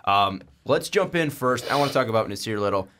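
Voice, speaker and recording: A young man hosting a casual sports podcast, blunt and quick to laugh, with many fillers. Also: mid-range voice, expressive, a bit bright, a little hiss or hum. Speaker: podcast host.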